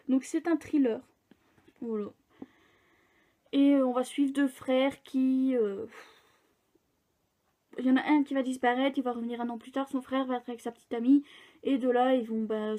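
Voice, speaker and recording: A woman's voice: high-pitched, warm tone. A young woman chatting casually in a book vlog, rambling with fillers and restarts. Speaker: book vlogger. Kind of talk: casual chat.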